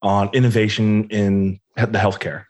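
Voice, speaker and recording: A man's voice: on the low side, flat delivery, moderate pace. A man hosting an interview, asking follow-up questions and joking casually. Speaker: podcast host.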